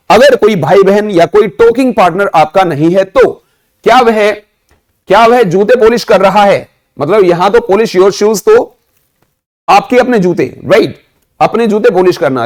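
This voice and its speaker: Teacher guy, high voice, keeps asking the class and answering himself. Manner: drills phrases, asks the class questions and answers himself. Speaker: spoken English teacher. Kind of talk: classroom lesson.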